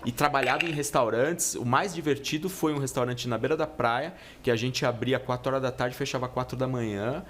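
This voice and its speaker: A middle-aged Italian-born pizza chef, guesting on a casual podcast, tells relaxed stories full of slang and frequent restarts. His mid-range voice moves a little fast, with few pauses.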